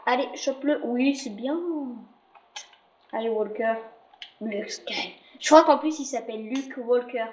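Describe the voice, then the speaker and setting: A woman's voice: a little high, a little slow, echoey room, dull audio. A young woman casually commenting on her football game, chatty and jokey, swearing now and then. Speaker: gaming video creator.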